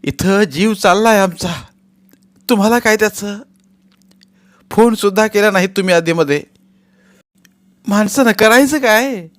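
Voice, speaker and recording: A man's voice: expressive, normal speed, hardly any pauses, no room sound. A man voicing an anxious, impatient young woman who snaps and pleads on the phone in a storybook reading. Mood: snapping. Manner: shrill, snapping and impatient.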